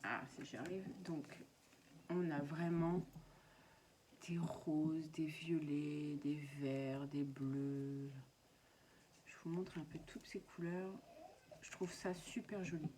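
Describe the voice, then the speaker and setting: A woman's voice: sits low, slow pace, dark tone. Woman, casual home vlogger, chatty and hesitant, noisy home recording. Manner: chatty, many hesitations, talks to viewers. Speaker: craft vlogger. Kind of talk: casual unboxing chat.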